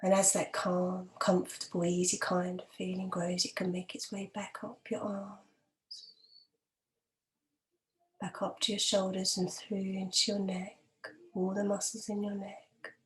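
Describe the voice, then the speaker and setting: This woman's mid-range voice is soft and occasionally breathy as she leads a guided relaxation meditation in the role of a hypnotherapist. She stays calm, gentle and measured throughout, with long pauses.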